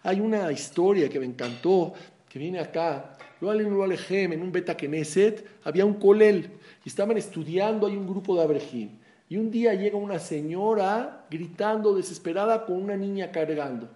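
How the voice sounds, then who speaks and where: A man teaching a Torah class in Spanish, telling stories and acting out the dialogue with lively shifts in tone. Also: sits high, normal speed. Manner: animated storyteller who acts out dialogue. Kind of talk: religious class with storytelling.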